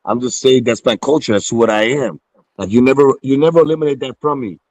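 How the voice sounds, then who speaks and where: A man from Puerto Rico argues on a call-in stream, tripping over his first words and cursing as he goes. His voice sits at a middle pitch and sounds dry and close, with no room around it. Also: fast, a little mellow, no echo, rough recording. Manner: repeats words when starting, swears, apologetic asides. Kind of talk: heated casual debate.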